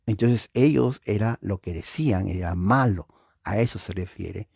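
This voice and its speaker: A man's voice: on the low side, measured pace, vocal fry, darkish tone, husky, no echo, studio quality. A man teaching a Bible study, explaining word meanings and often checking that listeners understand.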